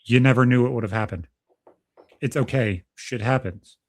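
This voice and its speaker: A man's voice: medium pitch, moderate pace. A man in his thirties co-hosting a casual podcast, talking bluntly and swearing freely as he rambles through his thoughts. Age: 30s. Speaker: podcast co-host.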